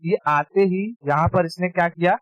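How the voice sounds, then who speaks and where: Male tutor, slightly high voice, dry close sound, informal and repetitive, drills key terms. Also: fairly even intonation, normal speed, dry recording, muffled recording. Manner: informal, repeats key terms and checks understanding. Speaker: history teacher. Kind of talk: casual exam-prep lecture.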